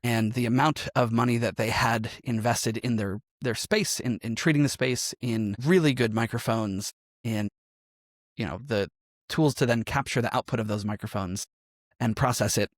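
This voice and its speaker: A man with a medium-pitched voice is a guest on a podcast, a musician who also performs in role-playing games. He explains things thoughtfully in a conversational interview, recorded at studio quality with no room sound.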